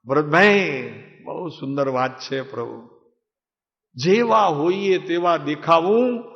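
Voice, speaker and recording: Man preaching in an echoey hall. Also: fairly high pitch. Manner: conversational, asks listeners questions and calls on them by name. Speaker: spiritual teacher. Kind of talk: devotional discourse to a live gathering. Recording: echoey hall, dull lo-fi sound.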